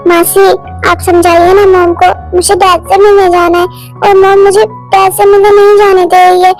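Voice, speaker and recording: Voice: very high voice, level tone, moderate pace, soft background music. A voice actor playing a stubborn little boy in an amateur fan dub, whining and pleading to see his father. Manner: whiny, pleading.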